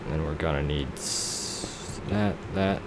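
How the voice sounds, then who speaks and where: A young let's-play gamer casually narrates a block-building game, rambling and poking fun at himself as he figures things out. His voice is extremely low and slow, against a noisy background.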